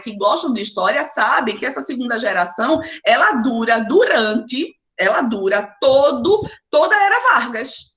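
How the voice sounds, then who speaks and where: A woman's voice: on the high side, bright, forceful tone. Emphatic Brazilian woman teaching literature. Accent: Brazilian Portuguese. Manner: emphatic, urging, talks straight to students by name. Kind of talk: live online class lecture.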